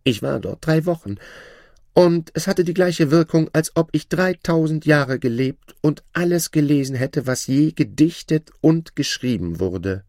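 A man doing a smug, high-voiced shadow gentleman. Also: expressive, a little slow, no echo, studio quality. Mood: boastful. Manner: smug and showy, high-pitched put-on voice. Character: boastful, newly rich male shadow turned gentleman.

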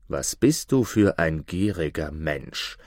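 A man voicing a cunning, rough bandit who speaks brusquely. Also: rumbling low, lively intonation, slow pace, darkish tone, no room sound, studio quality, voice pushed down, exaggerated voice. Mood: scheming.

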